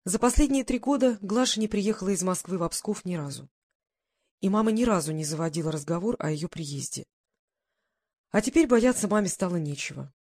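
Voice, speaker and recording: A woman reading an audiobook in an even, measured narration. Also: fairly low pitch, no room sound. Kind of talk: scripted narration.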